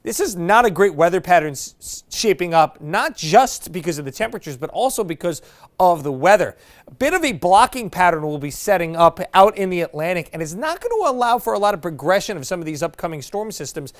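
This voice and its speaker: Guy doing the tv weather forecast, kinda high voice, folksy and chatty. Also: big pitch swings, a little fast. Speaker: meteorologist.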